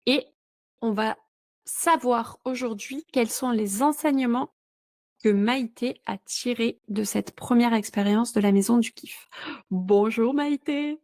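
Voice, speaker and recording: A woman's voice: a little high, slow, darkish tone, dry recording, clean studio sound. A woman hosting a podcast, asking questions with enthusiasm and laughing along with her guest. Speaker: podcast host. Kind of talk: casual podcast interview.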